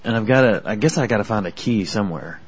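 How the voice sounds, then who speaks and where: Low-voiced man co-hosting a podcast. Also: expressive, fast, husky. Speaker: podcast co-host. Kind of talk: casual podcast chat. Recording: dull lo-fi podcast audio.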